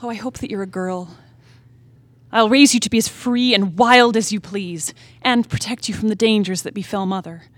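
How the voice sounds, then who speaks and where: A playwright reads from her own stage drama, voicing a restless, defiant young wife with yearning and passion in a theatrical soliloquy. Her voice is medium in pitch and close to everyday speech, at a normal speed, recorded dry. The mood is wistful yet resolute.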